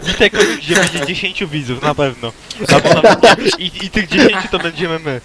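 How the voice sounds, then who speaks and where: A man in casual gaming chat, excitable and swearing as he teases his friends. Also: fairly high pitch, fast talker, a loud crowd. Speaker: gamer.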